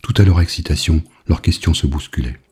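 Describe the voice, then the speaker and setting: Deep dark-voiced male narrator. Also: fairly quick, husky. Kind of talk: scripted audiobook narration.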